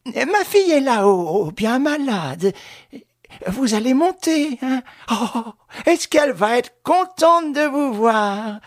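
A man's voice: mid-range voice, moderate pace, pauses often, dry recording, studio quality, pitched above the performer's own voice. A man putting on a honeyed, scheming woman. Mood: falsely sweet. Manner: honeyed, ingratiating, then flatly callous. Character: scheming middle-aged woman, falsely sweet then cold.

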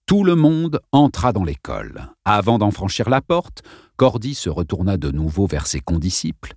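Un homme qui lit un roman en livre audio, d'un ton posé et expressif. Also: male voice, deep voice, sing-song, moderate pace, a little mellow, husky, no room sound, clean studio sound. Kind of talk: narration de roman lue.

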